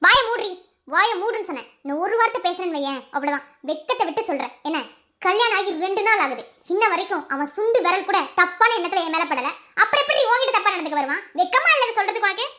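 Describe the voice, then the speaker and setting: A woman's voice: extremely high pitch, animated, fast talker, pushed and bright, full character voice. A woman voicing a fierce young wife in a cartoon, with a Madurai Tamil accent, scolding and threatening in her husband's defense.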